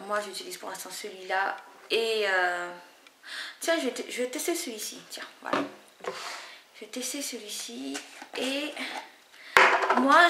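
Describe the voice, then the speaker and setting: This recording is very noisy and echoey. A young woman from French Guiana, her voice fairly high, meanders through a casual hair tutorial, chatting away with many fillers and do-overs.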